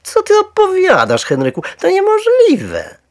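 A man voicing a startled middle-aged housewife, exclaiming in a high, shrill, astonished voice. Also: expressive, a little slow, gravelly, darkish tone, husky, dry recording, studio quality, full character voice. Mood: incredulous.

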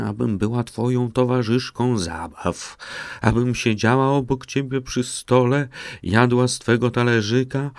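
A man's voice: on the low side, vocal fry, no room sound, pitched above the performer's own voice, heavily acted. A man doing a coaxing old frog. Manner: coaxing, bargaining, close to the reader's own voice.

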